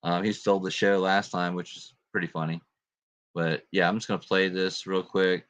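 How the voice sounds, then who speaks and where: A man's voice: low-pitched, level tone, moderate pace, fairly bright tone, no room sound. A man hosting a casual livestream, greeting viewers and chatting in a laid-back way with plenty of fillers and laughs. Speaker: livestream host.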